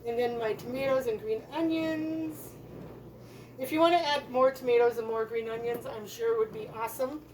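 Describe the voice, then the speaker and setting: A woman's voice: on the high side, darkish tone, rough recording. A woman hosting a home cooking video, chatting in a homey way and tasting as she goes in her kitchen. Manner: chatty, slow and homey, talking with her mouth full. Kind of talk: casual cooking demonstration. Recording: audible background noise.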